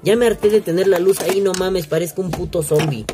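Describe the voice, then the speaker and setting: A man's voice: high-pitched, a little fast, heavy background noise. A man with a Mexican accent hosting a vaping podcast, talking in a crude, slangy, mocking rant and acting out the voices he quotes. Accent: Mexican Spanish. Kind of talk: profane casual rant. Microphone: single home recording setup.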